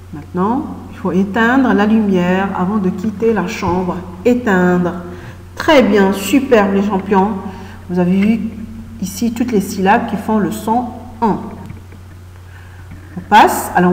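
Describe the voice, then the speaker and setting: A woman teacher takes a children's reading lesson at a very slow pace, pronouncing syllables one at a time and praising her pupils often. Her voice rings in an echoey room with a long reverb tail. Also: mid-range voice, a little mellow.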